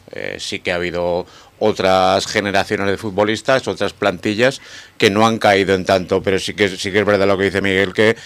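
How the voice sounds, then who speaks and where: A man's voice: low voice, a bit bright. A man in a casual sports radio debate, giving firm, emphatic opinions.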